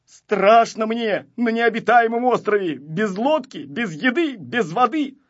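A man's voice: high-pitched, sing-song, slow pace, breathy edge, pitched above the performer's own voice, exaggerated voice. A man voicing a timid, tearful little boy shorty who whines and wails, on a slightly dull recording. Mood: whining. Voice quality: whiny, wailing.

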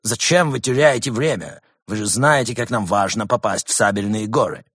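A man's voice: on the low side, moderate pace, a bit bright, breathy edge, no room sound, clean studio sound. A man voicing a fussy, indignant male mole archaeologist.

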